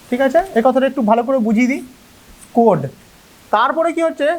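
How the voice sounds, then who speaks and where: A teacher from gives an online class lecture. The teacher explains step by step, asks checking questions, and acts out how students talk. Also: mid-range voice. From Malda, West Bengal. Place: local cable TV class recording.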